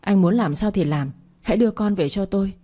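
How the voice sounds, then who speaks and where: A woman voicing a desperate young mother who pleads and accuses in a quick, raised voice in a story reading. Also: animated, dark tone, husky. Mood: accusing. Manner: pleading, shrill and fast. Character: frantic young mother of a kidnapped boy.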